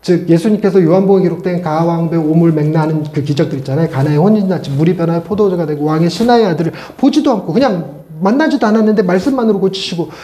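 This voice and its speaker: High-voiced pastor preaching in an echoey church. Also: male voice, fast, few pauses. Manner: conversational and animated, with playful asides to the congregation. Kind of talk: sermon. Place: church sanctuary.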